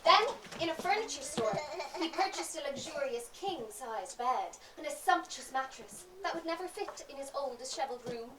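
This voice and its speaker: A woman telling a fairy tale in a lively, dramatic storyteller manner. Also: high voice, moderate pace. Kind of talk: expressive storytelling. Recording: roomy, distant, noisy.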